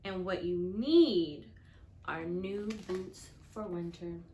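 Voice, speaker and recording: A woman reading the part of a practical, kindly grandmother in a children's picture book, plainspoken and gently encouraging. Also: lowish voice, slow pace, a little hiss or hum, voice pushed down. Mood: firm. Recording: echoey room.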